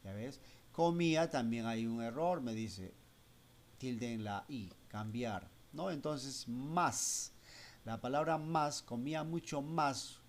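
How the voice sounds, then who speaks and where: A man of middle pitch gives a patient, step-by-step computer lesson to schoolchildren. He keeps checking in with the class with quick questions. He talks close to a desktop mic. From Spanish-speaking Latin America. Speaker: teacher. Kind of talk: screen-recorded software lesson.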